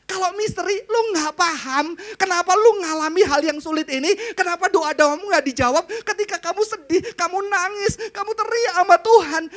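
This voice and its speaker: A male pastor preaching a conversational sermon, quizzing his audience and swinging between hushed asides and loud emphasis. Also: very high-pitched.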